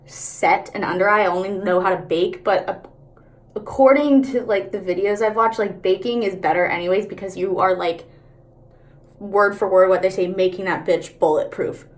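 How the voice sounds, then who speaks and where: A woman's voice: medium pitch, normal speed. Girl doing a casual makeup tutorial, talks out the side of her mouth, slangy n sweary, says like a lot. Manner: candid, slangy and sweary, with many filler "like"s.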